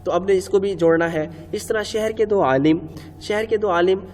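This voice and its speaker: A man's voice: high-pitched, darkish tone. A man giving a step-by-step grammar lecture in Urdu with a Pakistani accent, repeating rules and answering his own questions. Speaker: Arabic grammar teacher. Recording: long reverb, faint ambient noise.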